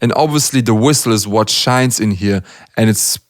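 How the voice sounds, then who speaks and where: A man's voice: lowish voice, normal speed, very noisy. A young man hosting his channel, reviewing beatbox rounds in casual, gushing commentary, often laughing and trying out the sounds himself. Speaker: beatbox analyst and channel host. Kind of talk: enthusiastic reaction commentary.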